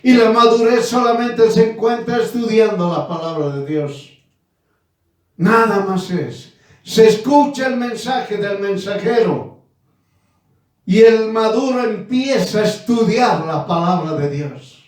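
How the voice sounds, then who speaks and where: A man in his nineties preaching a sermon, slow and emphatic, repeating his phrases. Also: high voice, lively intonation. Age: 90s. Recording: echoey room from far off.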